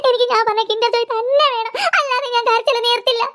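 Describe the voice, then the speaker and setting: A woman's voice: very high-pitched, fairly even intonation, brisk, a bit bright. A woman voicing a young cartoon girl who sulks and whines stubbornly. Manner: whining, sulky. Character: young crying little girl, whiny and stubborn.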